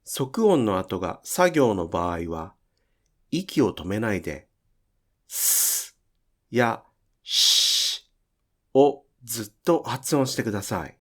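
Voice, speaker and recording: Male pronunciation teacher, slow careful delivery, lively rising and falling pitch, lowish voice. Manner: slow, careful, drawn-out example words. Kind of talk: slow explanatory lesson.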